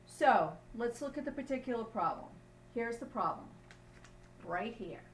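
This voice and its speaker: In a slightly high voice with lively intonation and a somewhat slow pace, a woman teaching accounting explains each step emphatically, in a didactic style, frequently pausing to check comprehension. The recording has a distant mic, roomy sound and faint hum.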